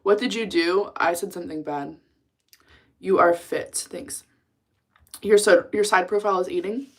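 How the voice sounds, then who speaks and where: Speaking at a normal speed in a fairly low, slightly rough voice, this young livestreamer from the United States reads her chat aloud with frequent laughter. She's blunt, talkative, and casual.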